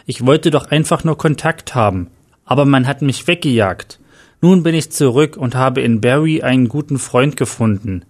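A man voicing a disfigured half-faced man who turns from eerie stranger to warm, earnest friend, speaking slowly and low at first. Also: animated, close to an everyday voice.

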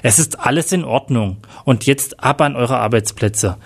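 A man's voice: medium pitch, moderate pace, vocal fry, slightly rough. A man voicing a female police chief who brushes off concern and gives orders. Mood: brusque. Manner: brusque, dismissive. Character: tough female police chief hiding her illness.

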